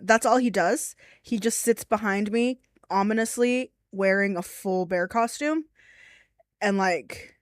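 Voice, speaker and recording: A woman's voice: medium pitch, no room sound, clean studio sound. A mildly drunk woman chats casually and crudely as she hosts a livestream, rambling as she goes. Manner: tipsy, rambling, crude-humoured. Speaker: livestream host.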